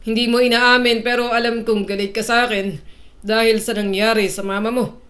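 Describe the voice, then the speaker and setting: A woman's voice: a little high, steady tone, fairly bright tone, lightly acted. Woman voicing a cold, stern rich father. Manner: cold, measured, slow. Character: stern cold wealthy father, older man.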